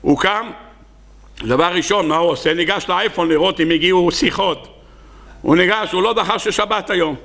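Gravelly and fairly bright in tone, an Israeli-accented male rabbi preaches in Hebrew. He tells parables as stories and acts out each character, sometimes letting out abrupt high-pitched cries.

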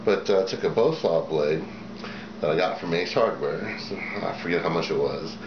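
A man's voice: sits low, moderate pace. A middle-aged man hosting a casual show-and-tell video at a table, talking in a plain-spoken, rambling way with many fillers. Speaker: video host. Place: small indoor room at a table. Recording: echoey room, dull sound, background noise.

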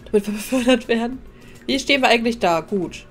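A woman's voice: a little high, fast talker, soft background music. A woman casually commenting while she streams a life-sim game, thanking viewers and talking to her characters, a little sniffly with a cold.

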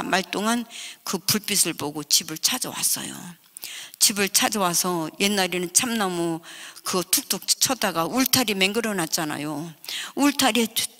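A woman's voice: medium pitch, pushed and bright. Older woman, Chungcheong accent, church reverb. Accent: Chungcheong Korean. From Chungcheong region, South Korea. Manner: vivid storytelling, acting out family voices. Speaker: guest revival speaker. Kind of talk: emotional testimony at a revival meeting. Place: church sanctuary. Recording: long church-hall reverb.

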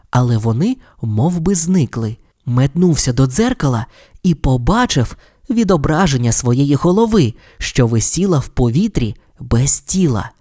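A storyteller reading a children's storybook aloud in an expressive, lively manner. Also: medium pitch, dry recording, clean studio sound. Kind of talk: audiobook storybook narration.

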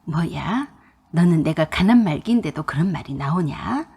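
A woman's voice: sits low, lively intonation, normal speed, darkish tone, husky, voice pushed down, exaggerated voice. A woman voicing a bitter, demanding elderly mother-in-law who scolds and pities herself. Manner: scolding, self-pitying.

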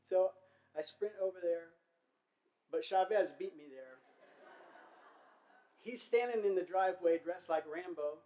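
A man's voice: high voice, a little slow, pauses often, mellow, low-quality recording. A man from the church staff giving a heartfelt, story-filled eulogy at a memorial service in a church sanctuary.

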